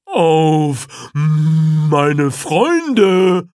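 A man's voice: extremely high pitch, very animated, very slow, darkish tone, dry recording, studio quality, pitched above the performer's own voice, exaggerated voice. A man voicing a cheerful, unflappable gnu with a chirpy sing-song manner in a children's audiobook. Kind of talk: audiobook character voice.

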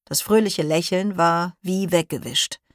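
A woman narrating a children's audiobook in a clear, expressive storytelling manner. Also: fairly low pitch, a little slow, dry recording, studio quality. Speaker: audiobook reader.

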